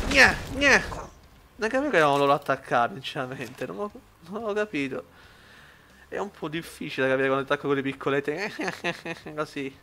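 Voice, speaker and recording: A man giving lively commentary while playing a shooter game, shouting at enemies and muttering between fights. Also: medium pitch, background noise. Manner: excitable, yells at enemies, then mutters to himself. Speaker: gaming YouTuber.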